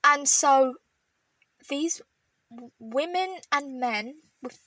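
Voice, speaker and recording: A woman's voice: high-pitched, very slow, sharp tone, no room sound, low-quality recording. Teasing woman in a dry, close room. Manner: teasing storyteller, crude jokes. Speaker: podcast co-host. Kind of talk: casual chat.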